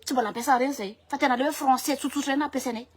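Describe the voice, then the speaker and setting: A woman with a Malagasy accent, talking in a lively casual monologue and switching languages often. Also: high voice, fast, husky. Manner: animated, switching between French and Malagasy, many restarts. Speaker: vlogger.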